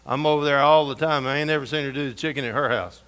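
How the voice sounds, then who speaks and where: A middle-aged man preaching a storytelling sermon, folksy and humorous, going soft and intense for scripture. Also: mid-range voice, fairly even intonation, fast.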